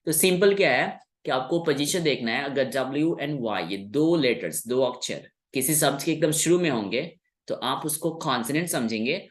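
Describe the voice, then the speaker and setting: This is a mid-range male voice belonging to a native Hindi speaker. He patiently teaches English pronunciation in a classroom manner, repeating key words at a slow pace.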